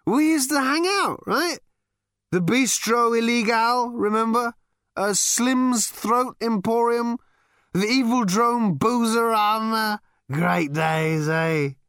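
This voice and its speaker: A man's voice: extremely high pitch, slow, a bit bright, no room sound, clean studio sound, voice pushed up, heavily acted. A man voicing a drunk male alien traveller who rambles in a slurred, overfamiliar way. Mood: tipsy, rambling.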